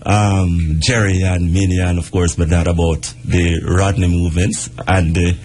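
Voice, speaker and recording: A man's voice: low-pitched, level tone, unhurried, a little mellow, slight background noise. A man, a radio sports presenter in casual ad-libbed chat.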